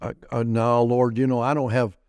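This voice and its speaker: A man's voice: medium pitch, little pitch movement, moderate pace, a little mellow, smooth, dry recording. A middle-aged man, a pastor and TV teacher, telling a personal story in a sermon in a conversational way, with frequent restarts and stammers.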